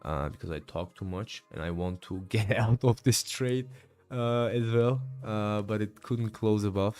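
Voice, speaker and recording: A man in his late twenties streams his day trading live, casually talking through trades and answering chat with many fillers and frequent "bro"s, audibly tired after a long session. His voice is on the low side, darkish, clear and resonant.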